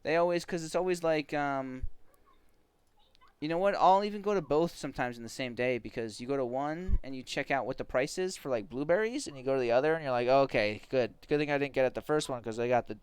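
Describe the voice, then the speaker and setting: A laid-back man on a game stream, talking in a loose, rambling way. His voice is smooth and clear, at a middle pitch, and he sounds sleepy. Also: fast, dry recording. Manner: relaxed, rambling, laughs often. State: sleepy, yawning. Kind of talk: casual chat.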